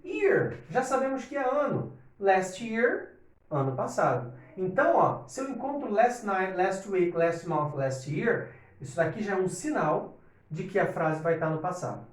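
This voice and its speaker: A man's voice: sits high, big pitch swings, a little slow. A man teaching an English lesson to Portuguese speakers, explaining step by step and often checking in with his students. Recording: echoey room, distant from mic.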